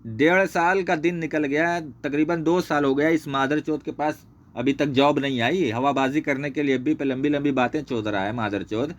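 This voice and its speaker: A man's voice: on the high side, moderate pace. A man ranting angrily, swearing constantly and repeating himself while pointing things out on screen. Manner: angry, heavily profane, repetitive. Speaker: channel host exposing a former associate. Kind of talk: screen-share rant.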